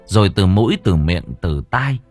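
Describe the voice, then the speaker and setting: A man narrating an audio novel with expressive storytelling. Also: sits low, moderate pace, slightly rough, faint music behind.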